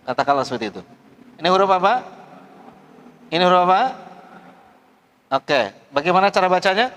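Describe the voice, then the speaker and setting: A middle-aged man teaching Quran recitation in a class, drilling his students letter by letter and urging them to read out loud. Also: high voice. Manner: drills students call-and-response, coaxing them to read loudly. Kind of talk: classroom tajwid lesson. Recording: long hall reverb.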